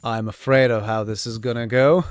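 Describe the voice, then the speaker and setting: A man giving casual commentary on his own playthrough, halting, repeating words and swearing freely. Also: medium pitch, steady tone, no echo, studio quality. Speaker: gamer narrating own playthrough.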